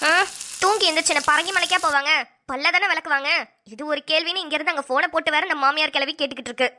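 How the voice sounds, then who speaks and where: A woman's voice: high-pitched, rapid-fire, bright, forceful tone. A woman playing a sarcastic young daughter-in-law. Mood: grumbling. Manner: sarcastic, grumbling asides. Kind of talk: cartoon voice acting.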